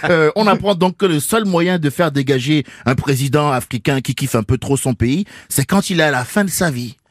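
A man delivering a cheeky, deadpan comic news monologue on the radio. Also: on the high side, moderate pace, no echo, studio quality. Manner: cheeky, deadpan jokey rant. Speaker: radio comedian.

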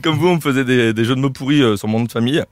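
A man's voice: mid-range voice, rapid-fire, no room sound, studio quality. A man with a Corsican accent reading a teasing, self-mocking comic chronicle on a radio show, full of hesitant "euh"s. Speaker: radio comedy columnist.

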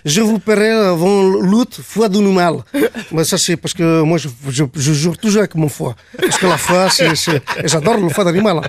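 High-voiced comic Portuguese immigrant, mangled French, dry studio sound, played by a man. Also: normal speed, no echo. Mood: rambling comic. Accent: put-on Portuguese accent. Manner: rambling, mangled French, joking asides. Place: radio studio.

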